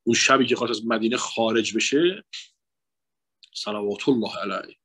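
A man with a low, slightly rough voice addresses the audience as a guest lecturer at a religious mourning night. His lively, emotional talk joins psychology to sermon, alternating emphatic raised lines with whispered-down asides.

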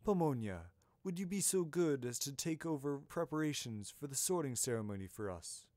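Man doing a wise old headmaster, gentle but firm, formal, dry close sound. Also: mid-range voice, animated, normal speed, no room sound, lightly acted.

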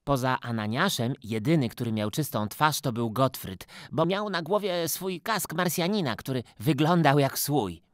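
A male actor narrating a children's storybook in an expressive, animated way. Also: medium pitch, moderate pace, few pauses, dry recording, clean studio sound. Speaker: storyteller, theatre and dubbing actor.

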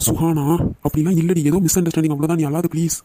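A man voicing a hot-headed, loyal young man in an animated story, talking fast and emphatically. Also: fairly high pitch, no echo, natural voice. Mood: anxious.

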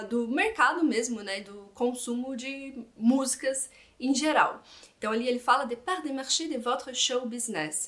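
A woman's voice: high-pitched, a bit bright. A woman teaching a casual language lesson, explaining song lyrics and thinking aloud as she goes. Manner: chatty, thinks aloud, switches between reading French lines and explaining.

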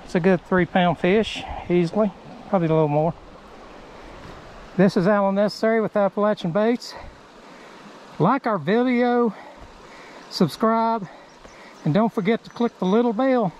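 High-voiced folksy man by a creek. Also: normal speed, long pauses, low-quality recording. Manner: folksy, plain-spoken. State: out of breath. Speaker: fishing video host. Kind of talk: outdoor fishing vlog talk. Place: outdoors by a creek. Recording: loud outdoor water noise.

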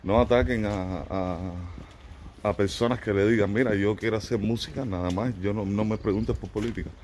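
A man's voice: on the low side, moderate pace, darkish tone, a little hiss or hum. A middle-aged man vlogging casually while he walks city streets, chatting to his viewers as family. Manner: chatty, addresses viewers as family, mixes in English and German. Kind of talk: casual walking vlog. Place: outdoors on city streets, then a shop. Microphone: phone held at arm's length.

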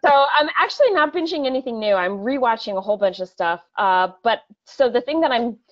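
A woman's voice: a little high, animated. Upbeat woman podcast co-host on a call. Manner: upbeat, quick asides, laughs easily. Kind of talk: casual chat. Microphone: earbuds on video call. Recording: dull lo-fi video call audio.

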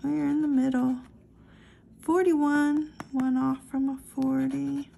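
A woman hosting a scratch-off ticket channel, reading numbers one by one in a slow, steady casual narration, recorded close indoors. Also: high voice, vocal fry, slight background noise. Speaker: lottery scratch-off channel host.

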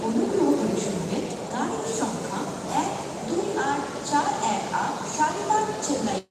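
Woman, station loudspeaker announcement, high voice, slow, echoey platform far away, loud background noise. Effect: over the station loudspeaker. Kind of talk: recorded train announcement. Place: railway platform.

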